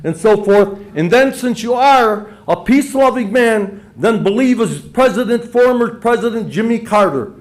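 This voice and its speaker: A man's voice: high-pitched, animated, normal speed, few pauses. A man in his seventies from Michigan, giving a rambling, insistent public comment at a city council meeting. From Dearborn, Michigan. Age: 70s. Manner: rambling, insistent, repeats "and so forth".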